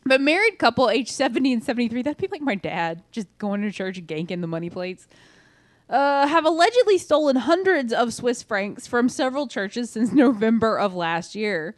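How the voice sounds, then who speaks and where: A woman's voice: a little high, sing-song, moderate pace, dry recording. A woman co-hosting a podcast in casual chat, teasing and giggly, tripping over words while reading stories. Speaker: podcast co-host.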